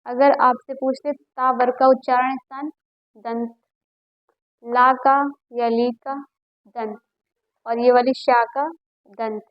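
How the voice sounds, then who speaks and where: A woman's voice: a little high, level tone, slow pace, pauses often, no echo, dull audio. A woman teacher giving a lesson, patiently repeating sounds aloud for students to copy. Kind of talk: classroom lesson on Hindi phonetics.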